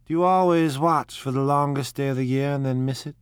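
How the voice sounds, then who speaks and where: A man putting on Daisy, a breathy, dreamy society wife. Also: mid-range voice, dry recording, pitched above the performer's own voice, close to an everyday voice. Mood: petulant. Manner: gushing, dreamy, drawn-out phrasing. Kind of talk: audiobook character voice.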